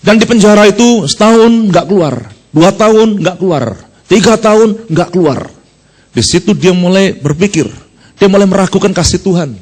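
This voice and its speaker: A man's voice: high voice, moderate pace. A man preaching a sermon to his congregation, telling stories with acted-out voices and sound effects and humorous asides to the listeners. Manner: animated storytelling, often addresses listeners as "saudara". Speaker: pastor. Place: church service.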